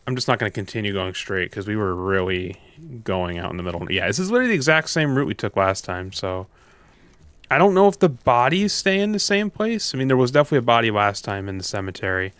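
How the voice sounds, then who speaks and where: A man's voice: fairly low pitch, sing-song, fast talker, fairly bright tone, smooth, no room sound. A man gamer giving casual commentary on a horror game, thinking aloud in loose, sweary language.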